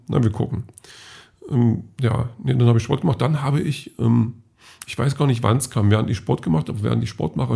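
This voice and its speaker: A man's voice: mid-range voice, gravelly, warm tone, breathy edge. A man casually telling about his day in a rambling vlog monologue, correcting himself often. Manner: rambling, self-correcting, many fillers. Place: at home.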